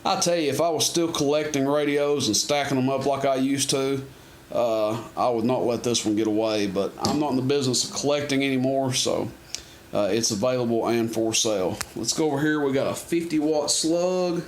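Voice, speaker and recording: On a clicky, noisy amateur camera recording, a medium-pitched man at a moderate pace demos CB radios for sale. He rambles along informally and folksily, like a seller displaying equipment.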